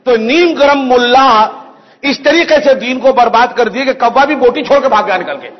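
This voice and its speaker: High-voiced preacher in an echoey hall. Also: male voice. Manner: animated, acts out characters and rises to emphatic peaks. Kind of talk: sermon with humorous anecdotes. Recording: echoey hall, dull sound.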